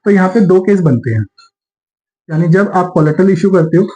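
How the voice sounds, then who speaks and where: A man teaching accountancy in a classroom lecture, explaining step by step, mixing English terms into Hindi in an Indian accent and slowing down to dictate entries. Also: high voice, expressive, warm tone, rough recording. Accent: Indian English terms mixed into Hindi.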